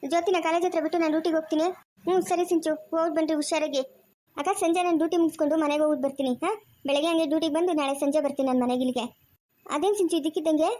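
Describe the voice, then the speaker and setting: Fast high-voiced woman scolding. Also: steady tone, warm tone. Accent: Chikkaballapur Kannada. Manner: scolding, fast village talk. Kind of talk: amateur family drama acting.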